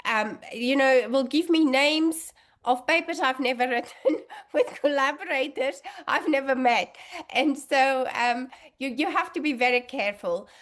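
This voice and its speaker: Her voice is high, a bit bright and a little slow; she is a middle-aged native Afrikaans speaker. Appearing as a guest allergy researcher, she chats casually in the interview, filling pauses and restarting often.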